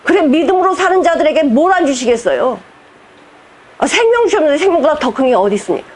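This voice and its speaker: A woman pastor preaching with emphasis and conviction. She talks straight to her congregation, mixing formal sermon phrasing with casual everyday speech. Her voice sits fairly high, with faint noise in the background. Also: very animated, quick pace, darkish tone.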